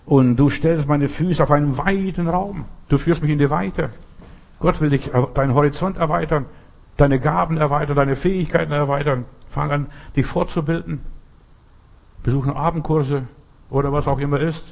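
A man preaching with a husky, slightly breathy voice. He speaks earnestly and addresses each listener directly. He drives his points home by repeating key phrases. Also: fairly high pitch, fairly even intonation, normal speed, darkish tone. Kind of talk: sermon.

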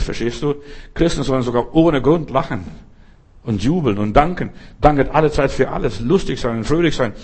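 A man preaching a sermon in a lively, folksy way, often asking his listeners if they follow. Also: fairly high pitch, vocal fry, husky. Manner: lively, folksy, asks "verstehst du?".

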